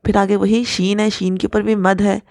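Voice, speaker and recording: A woman's voice: mid-range voice, little pitch movement, creaky, a little mellow, dry recording, studio quality. A woman teaching Quran recitation rules step by step. She patiently explains and demonstrates each letter sound. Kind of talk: step-by-step tajweed lesson.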